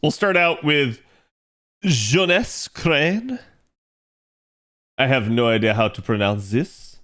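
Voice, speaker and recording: A man's voice: mid-range voice, animated, normal speed, fairly bright tone. A man hosting a live stream, talking through a game analysis in a casual, chatty way and speaking straight to his viewers.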